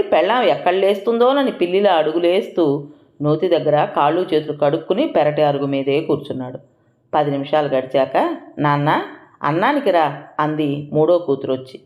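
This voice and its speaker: A woman with a fairly low voice reads a story aloud in a steady narrating style. She raises her pitch to act out the characters' lines. The recording carries a noticeable room echo. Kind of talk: scripted narration of an audio story.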